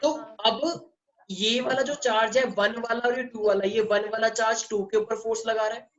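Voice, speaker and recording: A man's voice: very high-pitched, fairly even intonation, normal speed, fairly bright tone. A male physics teacher giving an online class lecture, mixing Hindi and English and constantly quizzing his students. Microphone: online class microphone. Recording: muffled online audio with faint noise.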